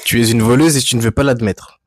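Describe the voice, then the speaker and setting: A man's voice: mid-range voice, fairly even intonation, quick pace. A young man from France chatting as a podcast guest, rambling and teasing, full of asides. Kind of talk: casual podcast chat.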